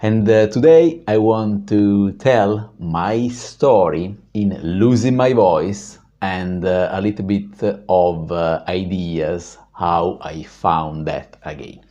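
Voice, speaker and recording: Hosting a vlog, a man with a deep, dark baritone tells a personal story reflectively, with many pauses and fillers. The recording is muffled.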